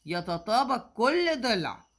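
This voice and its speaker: A woman's voice: fairly high pitch, very animated, measured pace. A woman with an Egyptian accent, a math teacher working through exam questions and checking in with students often. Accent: Egyptian Arabic. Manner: patient, asks "okay?" often. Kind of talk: explaining exam answers.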